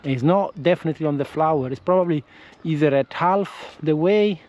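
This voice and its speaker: Captured on an action camera with a windscreen, the muffled recording carries a somewhat high, slightly mellow male voice at normal speed. He is a non-native English speaker with an Italian accent, casually vlogging on an outdoor walk, hesitant and often starting over or correcting himself.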